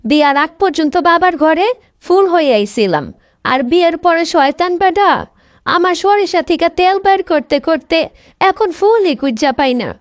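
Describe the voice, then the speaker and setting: A vain young cartoon wife, voiced by a woman, grumbles sassily in a high voice with a Bangladeshi Bengali accent. She talks in a chatty, complaining way. The recording is dry and close. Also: animated, moderate pace, dry recording, highs cut off. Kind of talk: comic cartoon monologue.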